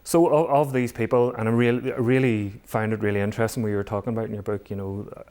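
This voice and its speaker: A man's voice: fairly low pitch, level tone, a little mellow. A man hosting an interview, asking long questions with fillers. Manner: fast, rambling questions with fillers. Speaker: host.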